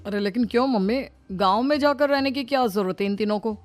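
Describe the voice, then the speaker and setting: A woman's voice: fairly high pitch, quick pace, faint music behind, close to an everyday voice. A woman voicing an idle young son-in-law who is deferential and earnest, in a family story. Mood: puzzled.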